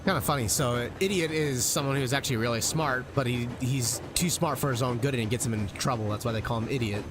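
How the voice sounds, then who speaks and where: A man's voice: medium pitch, fast. A man giving casual commentary as he plays a video game. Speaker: game player. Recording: background game and vehicle noise.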